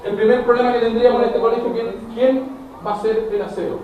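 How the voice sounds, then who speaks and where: A Chilean man in middle age teaches a classroom lecture with a fairly high voice, talking straight to his students. He is picked up from far across the room, so his voice booms in a very echoey space with clear background noise. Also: fast talker, narrow, tinny audio. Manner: animated, addresses students directly, acts out dialogues. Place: school classroom. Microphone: camera at a distance.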